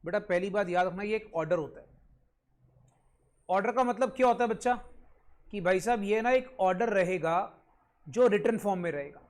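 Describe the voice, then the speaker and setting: A man's voice: high-pitched, moderate pace, pauses often, a little mellow. A male commerce teacher giving an online class lecture with a Punjabi-influenced Hindi accent, repeating points, quizzing his students and sometimes scolding them.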